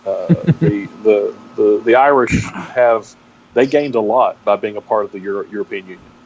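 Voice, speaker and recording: Guesting on an interview, this Texan man in middle age, a pastor who also teaches at a seminary, talks reflectively but haltingly, restarting again and again as he hunts for words. His voice is lowish and a little mellow, carrying a Texas accent, and the recording sounds muffled and narrow with slight background noise.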